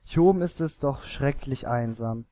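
A man's voice: medium pitch, normal speed, dark tone, lightly acted. A man voicing a lonely, hopeful young fir tree that asks itself earnest, wondering questions.

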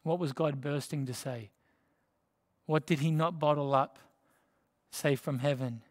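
Standing behind a lectern on a church stage, an Australian man in his thirties delivers a sermon in a steady tone, his voice pitched a little high for a man. He is earnest and emphatic, leaning on dramatic pauses, and the church hall gives the sound a long reverb.

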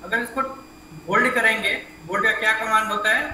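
A man's voice: high voice, steady tone, brisk, pushed and bright, a little hiss or hum. Echoey male computer teacher. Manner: explains step by step, asks students questions, repeats "ठीक है". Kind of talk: online class teaching. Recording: echoey room mic from a distance.

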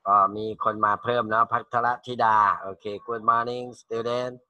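A man's voice: mid-range voice, flat delivery, slow pace, bright, forceful tone, clean tone, no echo, muffled recording. A man teaching English to school students in an online class, reading short English phrases and then translating and repeating them in Thai.

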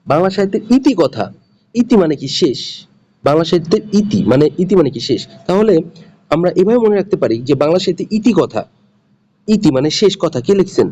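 A man's voice: sits high, very animated, a little fast, dark tone. A man with a Bangladeshi Bengali accent teaching for job exams, repeating key terms and asking and answering his own questions. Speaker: exam prep teacher. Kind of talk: lecture.

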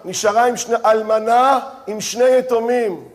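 A man, a rabbi, giving a sermon, speaking straight to his audience and telling the story with dramatic voiced asides. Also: extremely high pitch.

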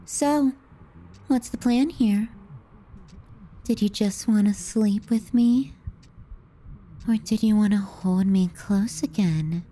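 Woman acting Ashley, a slow, soft, teasing little sister. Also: medium pitch. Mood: coy, teasing. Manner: soft, breathy, often dropping to a whisper. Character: teasing, possessive, sardonic younger sister, young woman. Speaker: ASMR roleplay voice actor. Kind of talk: intimate ASMR roleplay acting.

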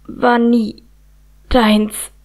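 A woman voicing a hoarse, defiant captive man. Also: flat delivery, drawn-out words, darkish tone. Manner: terse, low-spoken, half whispered.

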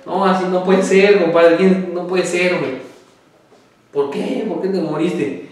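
A man's voice: high voice, steady tone, slow pace, darkish tone, pitched above the performer's own voice. A man voicing a drunk, grieving man pleading over his dead friend. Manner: pleading, wailing. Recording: echoey room, voice from far off.

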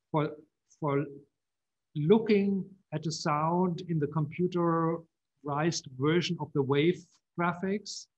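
Man, keynote speaker on a video call, somewhat high voice, hesitant delivery, slightly dull audio. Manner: halting, many fillers and restarts. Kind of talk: conference keynote talk.

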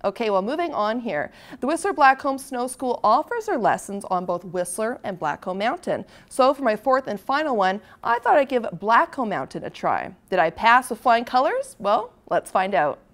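A woman's voice: a little high, very animated, normal speed, hardly any pauses. A young woman hosting and narrating a television feature in a scripted, upbeat presenter style. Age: young adult. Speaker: TV host and reporter.

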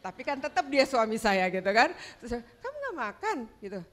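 An older woman giving a church talk, telling a personal story in an animated way and acting out what family members said. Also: a little high, fast talker. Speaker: guest speaker.

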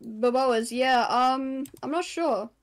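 A woman with a somewhat high voice streams a horror game. She comments casually on her play in the jumpy way of someone who scares easily. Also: slow. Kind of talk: casual live gameplay commentary.

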